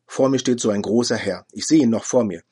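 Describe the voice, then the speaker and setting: A man preaching a sermon in a slightly husky, mid-pitched voice. He speaks earnestly, bringing small stories to life by playing their characters. It sounds like a pastor addressing his listeners directly. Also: fairly quick, dark tone. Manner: earnest preaching, acts out quoted dialogue. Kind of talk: sermon with anecdotes.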